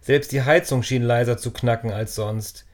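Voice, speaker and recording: A man narrating a children's story in a calm, measured reading voice. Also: medium pitch.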